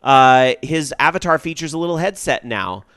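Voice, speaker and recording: Male podcast host, casual chat, dry close sound, excitable. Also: on the high side, moderate pace, dry recording. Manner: excitable, voice jumps up when happy. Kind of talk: casual radio show hosting.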